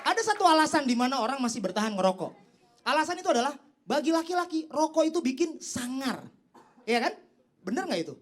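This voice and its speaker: A young man performing a stand-up comedy set on stage, teasing the crowd and leaping up in pitch for his punchlines. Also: very animated, quick pace, a bit bright. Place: comedy stage before a live audience. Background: audience laughter and applause.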